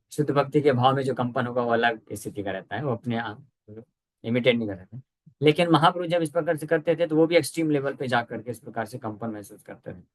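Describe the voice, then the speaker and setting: A man giving a devotional scripture lecture in conversational Hindi with English words mixed in, slowing down to chant verses. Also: mid-range voice, rough recording.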